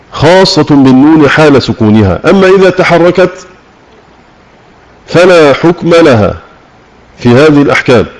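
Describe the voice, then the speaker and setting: A man teaching a Tajweed lesson, slowly repeating key words and asking and answering his own questions. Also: fairly high pitch, low-quality recording. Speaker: Quran recitation teacher. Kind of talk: religious lesson on Tajweed rules. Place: online voice chat room.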